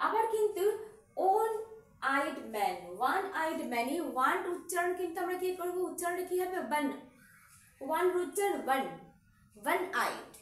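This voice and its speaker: A woman teacher speaks with a Bengali accent in a high, animated voice that swings up and down. She works through examples one by one, repeating them and asking her pupils questions. Her voice rings in an echoey room, picked up from a distance. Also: moderate pace. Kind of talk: classroom grammar lesson.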